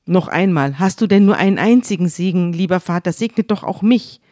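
A bitter young man begs his father, his voice aggrieved and insistent, as a woman retells the scene. The pitch sits on the lower side, and the sound is close and dry with no room around it. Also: expressive, normal speed, mellow, no room sound, close to an everyday voice. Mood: pleading. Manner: pleading, aggrieved.

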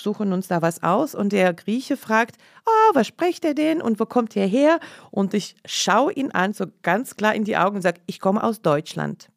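In a studio podcast interview, a Leningrad-born journalist in her forties, whose first language is Russian, earnestly recounts her story. She speaks in a creaky, mid-range voice with no room sound.

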